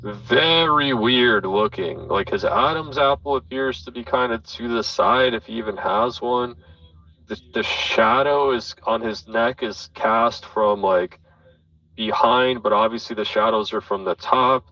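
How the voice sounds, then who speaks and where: Heard from a distance, a man with a sharp, medium-pitched voice hosts a live audio chat at a measured pace. He rambles and swears while thinking aloud, leaning heavily on fillers. The audio is dull and off mic, with faint background noise.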